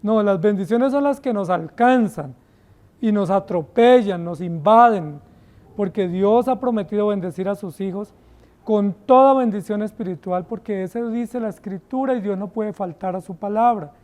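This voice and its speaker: A man's voice: sits high, normal speed, darkish tone. A male pastor with a Colombian accent preaching a sermon, emphatic and asking the congregation rhetorical questions. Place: church.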